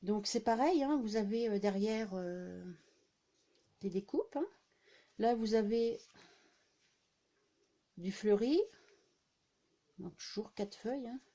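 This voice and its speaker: A woman with a soft, mellow voice chats casually through a haul of craft supplies. She talks at an easy, unhurried pace and fills her sentences with little hesitations and tag words. Her voice is warm and relaxed, never sharp. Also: medium pitch. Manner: chatty, many fillers and "hein" tags. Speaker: scrapbooking vlogger. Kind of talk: casual haul show-and-tell.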